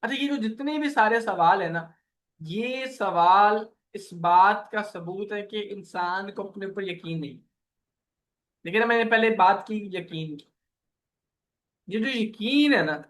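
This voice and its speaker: A man with a high, somewhat bright voice leads a motivational workshop on making money online, speaking earnestly like a preacher. He keeps checking in with "okay" and voices his listeners' questions and prayers aloud.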